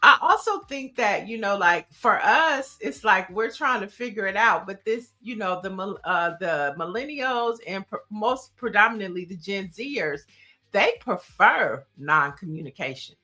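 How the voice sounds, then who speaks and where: A woman co-hosting a casual talk show, chatting in an animated, talkative way and laughing often. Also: medium pitch, measured pace. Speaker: co-host. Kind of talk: casual chat.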